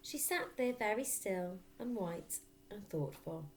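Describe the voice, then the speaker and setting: A woman with a mid-range voice reads a children's story aloud the way a teacher would. She takes it slowly and narrates expressively.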